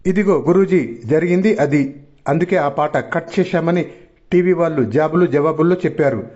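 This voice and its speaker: A blunt, quick-tempered neighborhood man, brusque and argumentative, as a storyteller plays him. The voice is slightly high, and the recording sounds dull. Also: a little mellow, natural voice. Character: blunt, quick-tempered male colony resident.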